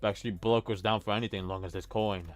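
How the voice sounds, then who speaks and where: A man's voice: on the low side, fairly even intonation, fairly quick, soft background music. A man on a casual livestream with friends, reading game lines in a mock-formal way between jokes. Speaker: streamer voicing a game's dialogue.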